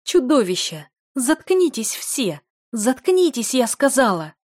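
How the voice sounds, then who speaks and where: A woman playing a young noblewoman, shouting, pleading, high and loud, audiobook, dry recording. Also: very animated, takes it slowly, no room sound, full character voice. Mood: furious. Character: furious, tearful young noblewoman, a duke's daughter.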